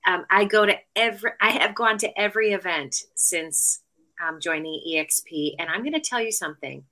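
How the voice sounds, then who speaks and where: Bright-voiced chatty woman guest. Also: medium pitch, fairly quick, rough recording. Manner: chatty, storytelling, frequent fillers and restarts. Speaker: guest real estate agent. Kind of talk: casual podcast interview.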